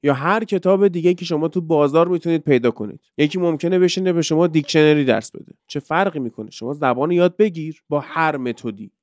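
A man's voice: on the high side, hardly any pauses, no echo. A man from Iran who teaches English, hosting a casual podcast and explaining things through rhetorical questions.

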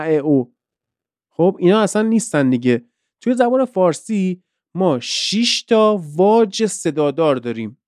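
A man's voice: a little high, darkish tone, dry recording, studio quality. A man hosting a podcast, teaching English pronunciation in a conversational, explanatory way with lots of examples.

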